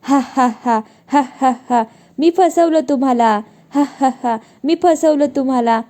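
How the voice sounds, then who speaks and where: A woman's voice: sits high, unhurried. A woman doing a mischievous little rabbit boy. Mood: taunting. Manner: shouting and taunting laughter. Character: mischievous little male rabbit who fibs.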